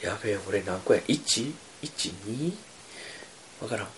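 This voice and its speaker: A man's voice: lowish voice, animated, unhurried, a crowd in the background, poor audio. A man with a Kansai Japanese accent in a casual round-table podcast chat. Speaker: podcast panelist.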